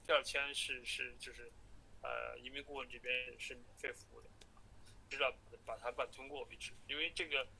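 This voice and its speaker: A man on a phone call, explaining and reassuring a client as an agent, halting and repeating his words. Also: medium pitch, steady tone, vocal fry, a crowd in the background. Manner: halting and repetitive, stammering over words. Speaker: immigration and study-abroad agent. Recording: noisy recorded phone call.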